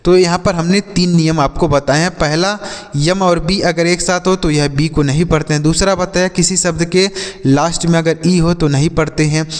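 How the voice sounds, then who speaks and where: Male teacher, a little high-voiced, asks questions and answers them himself, reverberant room. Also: fairly even intonation, normal speed. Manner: spells words letter by letter and answers his own questions; addresses viewers as friends. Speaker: English teacher. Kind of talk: classroom-style lesson.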